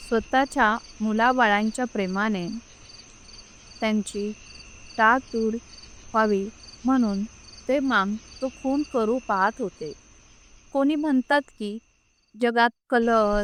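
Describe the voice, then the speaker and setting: A woman narrating a scripted story in a slow, measured, solemn reading. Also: on the high side, fairly bright tone, slight background noise.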